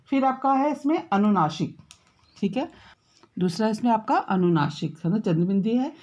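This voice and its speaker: A woman teaching a school grammar lesson, explaining step by step, checking in often with her pupils and drawing out example words slowly. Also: medium pitch, expressive, darkish tone, highs cut off. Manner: drawn-out, slowed example words.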